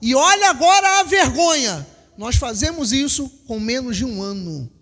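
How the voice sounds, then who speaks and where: A man with a Brazilian Portuguese accent, a pastor preaching a sermon and telling lively stories to his congregation. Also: very high voice, normal speed. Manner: storytelling, animated, acts out quotes, laughs with congregation. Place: church hall. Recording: long hall reverb.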